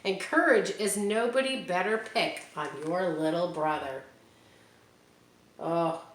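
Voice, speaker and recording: Slow and lowish-voiced, a woman does an animated read-aloud of a picture book, pausing between pages to talk directly to the kids listening. Echo from the room and a faint hiss sit in the background.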